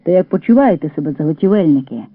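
A man reading brisk senior partisan. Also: sits high, lively intonation, dry recording. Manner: brisk, cheerful, a bit dismissive. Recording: tinny lo-fi radio recording.

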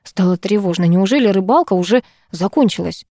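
A woman narrating a first-person novel aloud on a close mic, in a steady, absorbed storytelling manner. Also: medium pitch, fairly quick, dry recording. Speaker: audiobook narrator.

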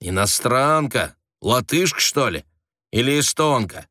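A man's voice: medium pitch, animated, a little slow, pushed and bright, no echo, clean studio sound, pitched above the performer's own voice. A man reading an audiobook, voicing a brusque, sarcastic secret police agent who gives orders. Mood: mocking. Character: gruff, mocking male secret police agent.

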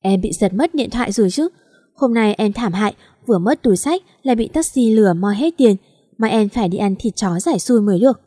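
A woman's voice: medium pitch, lively intonation, a little fast, mellow, no room sound, studio quality, natural voice. Woman voicing an impulsive chatty younger sister.

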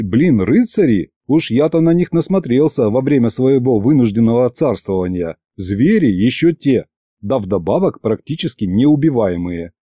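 A man narrating a first-person audiobook with expressive storytelling. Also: mid-range voice, no room sound, clean studio sound.

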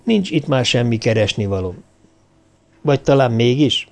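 Chill probing dude in an audiobook, guy reading him, medium pitch. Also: lively intonation, vocal fry.

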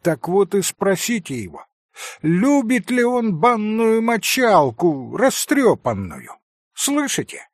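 A man doing shrill shouting schoolboys. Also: sing-song, slow, dry recording, clean studio sound, full character voice. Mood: shrill jeering. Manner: high shrill shouting, drawn out. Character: excited boys, shouting and jeering.

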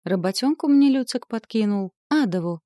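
A woman's voice: medium pitch, expressive, moderate pace, warm tone, dry recording, studio quality, voice pushed up, close to an everyday voice. A woman doing a cocky, slangy demon knight. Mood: offhand.

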